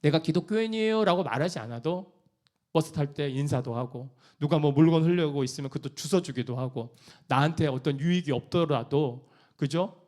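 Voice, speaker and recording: A man preaching a sermon as a pastor, animated and acting out quoted church members. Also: on the high side, brisk.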